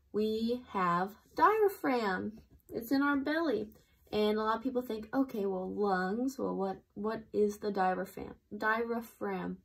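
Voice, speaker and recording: A woman teaching an intro breathwork lesson, explaining slowly and gently and guiding the listener through breaths. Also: mid-range voice, breathy edge, low-quality recording. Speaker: breathwork instructor.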